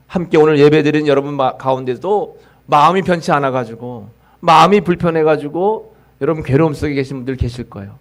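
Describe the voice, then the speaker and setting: Male pastor, sermon delivery, slightly raised pitch, earnest, builds to emphatic exhortations. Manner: earnest preaching, rising emphatic exhortations, acts out quoted voices. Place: church sanctuary.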